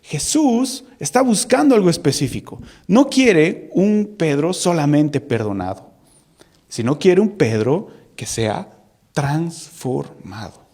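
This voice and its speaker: A man preaching a sermon in an animated way, asking the listeners rhetorical questions and acting out the voices of the people in his story. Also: on the high side, slow, breathy edge.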